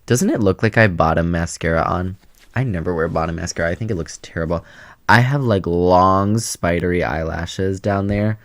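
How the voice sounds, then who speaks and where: A man's voice: low-pitched, moderate pace. A young man vlogging in a casual, rambling way, chatty and sassy as he jumps from topic to topic. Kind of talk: casual rambling vlog chat.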